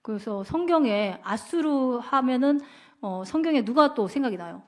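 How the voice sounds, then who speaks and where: A woman's voice: high-pitched, expressive, normal speed. A woman evangelist teaching a Bible class in a casual, conversational way, constantly asking her listeners questions. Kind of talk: interactive Bible lesson.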